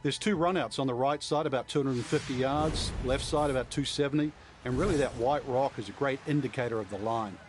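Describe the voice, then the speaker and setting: A male golf commentator, acting as analyst. His mid-pitched voice is casual and explanatory, over faint outdoor noise. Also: brisk.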